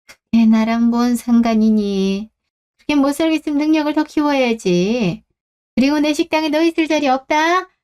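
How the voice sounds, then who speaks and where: A woman's voice: high voice, animated, moderate pace, a little mellow, smooth. A woman voicing a firm older mother who scolds her grown son in a radio drama. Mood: scolding. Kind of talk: Korean radio drama acting.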